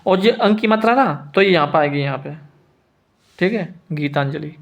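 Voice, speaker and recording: Higher-voiced man teaching Hindi spelling. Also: expressive, gravelly, highs cut off. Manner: repeats each word slowly, asks students if they follow. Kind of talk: spelling lesson.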